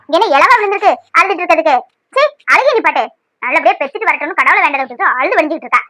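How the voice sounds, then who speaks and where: A woman voicing a sharp-tongued, scolding adult sister-in-law in a cartoon serial. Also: expressive, very fast, dry recording, studio quality, exaggerated voice. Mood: scornful. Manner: scolding, shrill and accusing.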